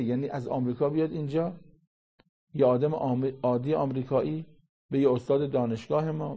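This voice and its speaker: A male preacher explains Quran verses to his listeners. His voice is dark, mellow and a little husky. He recites Arabic lines and presses his point with sharp rhetorical questions. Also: medium pitch, dull audio. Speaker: Quran commentator. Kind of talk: Quran commentary sermon.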